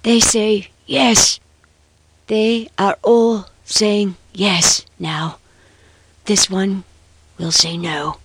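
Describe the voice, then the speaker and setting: A woman's voice: medium pitch, level tone, very slow, long pauses, breathy edge, dry recording, heavily acted. Woman voicing a trembling anguished old man.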